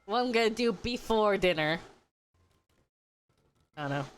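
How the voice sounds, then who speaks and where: A woman's voice: mid-range voice, lively intonation, unhurried. A woman streamer chatting casually while gaming, ranting with lots of swearing and frequent laughter. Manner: foul-mouthed, ranting, laughs often.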